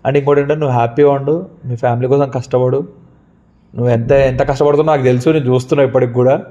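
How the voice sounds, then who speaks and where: A man's voice: medium pitch, steady tone, very fast, mellow. A young man being interviewed, speaking earnestly and from the heart about love and his life. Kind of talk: emotional interview. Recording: dull lo-fi sound.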